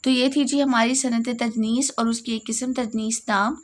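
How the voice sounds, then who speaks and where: A woman's voice: fairly high pitch, steady tone. A woman with a Pakistani Urdu accent teaching a lesson, explaining step by step and repeating key points.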